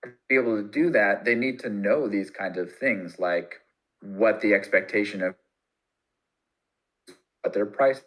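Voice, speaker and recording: A man's voice: on the low side, a bit bright, rough recording. Man on a call with breaking-up audio. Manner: measured, thinks aloud with fillers. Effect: audio breaking up over a voice-chat connection. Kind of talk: explaining on an online community call. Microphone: voice chat microphone.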